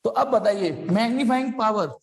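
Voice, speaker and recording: A man's voice: high-pitched, moderate pace, vocal fry. A male physics teacher talks his students through problems in a loose, joking, chatty way, calling them "beta" as he goes. His voice carries a long reverb tail, as if recorded in a large, echoing space. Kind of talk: live online class lecture.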